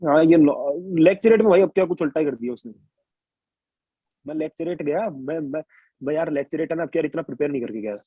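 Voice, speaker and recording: A young man from India, interviewed about his exams, tells his story quickly and casually, full of restarts and quoted asides. His voice sits on the high side with a breathy edge. There's no echo, but the highs are cut off.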